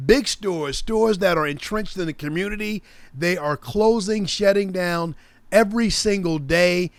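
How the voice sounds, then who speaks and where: An older man talks his way through a solo livestream monologue. His voice sits high for a man, and he hammers home his points by repeating them. The sound is close and dry, with no room around it. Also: no echo. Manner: emphatic, repeats words for effect. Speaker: podcast host.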